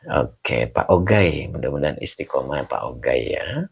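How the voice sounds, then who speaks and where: Gravelly deep-voiced man teaching casually. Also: sing-song, slow, highs cut off. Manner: chatty, greets students by name, laughs often. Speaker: religious teacher. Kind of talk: casual online class.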